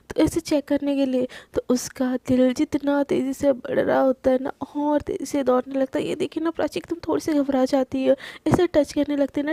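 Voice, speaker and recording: A woman narrates a story in a chatty, casual flow, full of little fillers. Her voice is high yet mellow, and the recording is close and dry. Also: dry recording. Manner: chatty, filler-heavy Hinglish retelling.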